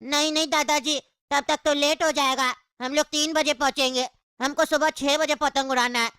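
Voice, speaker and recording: A woman's voice: high-pitched, fairly even intonation, moderate pace, a bit bright, dry recording, studio quality. A woman voicing a stubborn little boy who pleads and whines in a cartoon comedy. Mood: pleading. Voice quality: whiny, pleading.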